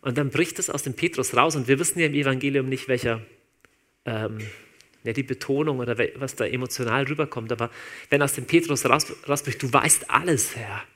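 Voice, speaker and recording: A man preaching a sermon in a relaxed, informal way, talking straight to his listeners. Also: mid-range voice, a little fast. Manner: conversational, informal, addresses listeners directly.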